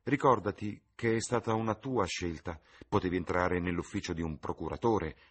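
A man voicing a vain, theatrical middle-aged mother in an audiobook, husky and fussy. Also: sits low, moderate pace. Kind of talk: audiobook reading.

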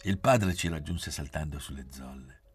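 A man reading a literary novel aloud in a measured, expressive way. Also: rumbling low, slightly rough, soft background music. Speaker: reader.

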